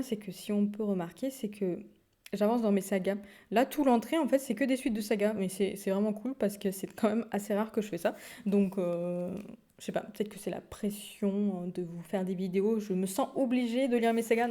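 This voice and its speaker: A woman's voice: mid-range voice, dark tone. A young woman chatting casually on her video blog about books, full of fillers, restarts and little laughs. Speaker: book vlogger. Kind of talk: casual chat.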